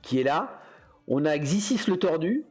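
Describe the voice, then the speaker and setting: A man's voice: fairly high pitch, big pitch swings, measured pace, darkish tone, husky, faint music behind. Rambling, hesitant man hosting a stream. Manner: rambling and hesitant, with many fillers and chuckles. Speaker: host. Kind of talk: casual livestream chat.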